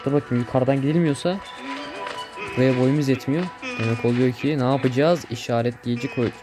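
A man's voice: mid-range voice, fairly even intonation, fairly quick. A young man chatting casually while playing a video game, getting easily startled, swearing and joking at what happens on screen. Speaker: gameplay streamer. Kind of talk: casual gameplay commentary. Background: game music.

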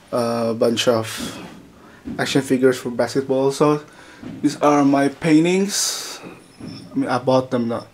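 Into a handheld camera mic, a medium-pitched man stumbles through a casual tour of his indoor collection room, restarting often and using many fillers. A slight hiss or hum runs under the audio.

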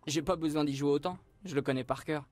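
A woman's voice: low voice, fast, darkish tone, faint music behind, voice pushed down, close to an everyday voice. A woman voicing a sullen, evasive teenage boy who answers his mother curtly. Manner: curt, dismissive replies.

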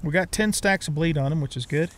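Fast and on the high side, a middle-aged man hosts a let's play, reacting casually as he plays. He talks to himself and to the game alike and swears mildly.

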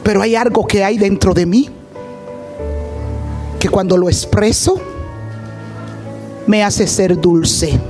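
A woman preaching an impassioned Pentecostal sermon, rising into shouted declarations and breaking into tongues. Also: mid-range voice, slow pace, long pauses, faint music behind.

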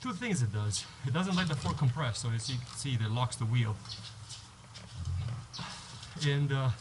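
Lively intonation and a brisk pace mark this vlogger's mid-range voice, heard over background noise. Filming outdoors with an action camera on his head at a garage on a home driveway, he rambles through a casual how-to, starting sentences over and going step by step.

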